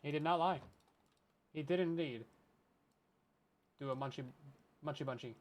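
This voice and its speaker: A man's voice: on the high side, moderate pace. A man chatting casually with his live chat while he plays a game, playful and laughing often. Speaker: game streamer. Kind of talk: casual live-stream gameplay commentary.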